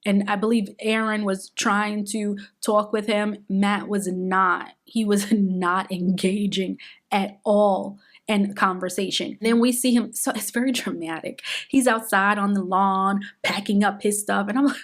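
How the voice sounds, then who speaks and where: A woman's voice: medium pitch, measured pace. Chatty woman recapping a reality show. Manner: chatty, opinionated, animated retelling. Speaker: recap host.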